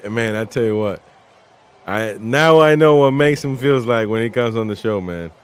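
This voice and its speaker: A man's voice: mid-range voice, measured pace, clear, resonant tone. A tired man hosting a casual watch-along, calling the match play by play in a laid-back, chuckling way. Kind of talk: casual live match commentary.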